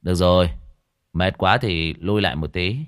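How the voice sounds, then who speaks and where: A man voicing a stern young male exorcist in an audiobook, lecturing in a low firm tone. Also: steady tone, normal speed, clear, resonant tone, dry recording, studio quality, lightly acted.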